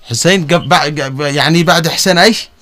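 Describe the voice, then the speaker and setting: A man with a Yemeni accent hosting a live radio quiz show in a hesitant, halting way. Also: a little high, bright, forceful tone. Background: music.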